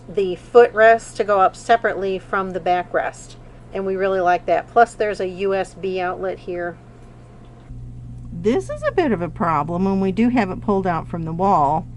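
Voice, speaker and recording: A woman giving a casual vlog narration, recorded inside a small RV trailer. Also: mid-range voice. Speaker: vlogger. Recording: clear background noise, small RV interior.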